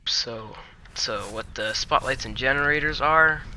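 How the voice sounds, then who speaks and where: A man's voice: medium pitch, bright, forceful tone, slight background noise, rough recording. A young man hosting a casual game tutorial, rambling and correcting himself as he goes. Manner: slow, rambling, self-correcting. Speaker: gaming tutorial host.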